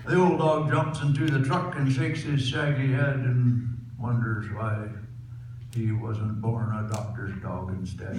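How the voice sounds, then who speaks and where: Male cowboy poet, US twang, unhurried folksy recitation, distant in a noisy, echoing hall. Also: medium pitch. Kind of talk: live cowboy poetry recitation. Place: echoey room before a laughing audience. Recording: echoey hall from far off, loud noise.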